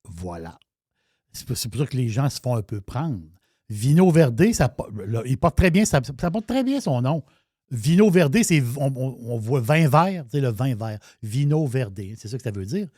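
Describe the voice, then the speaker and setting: A man's voice: medium pitch, big pitch swings, normal speed, warm tone, dry recording, studio quality. A man around sixty with a Quebec French accent, a wine columnist on the radio, talking in a chatty, rambling way with many restarts. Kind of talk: radio talk, explaining and storytelling.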